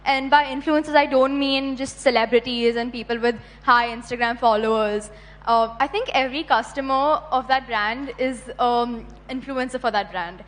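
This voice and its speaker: A young woman speaking quickly and casually on a panel, with lots of filler words. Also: fairly high pitch, fairly even intonation. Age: teens or young adult. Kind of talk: panel discussion. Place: conference hall. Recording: reverberant conference hall.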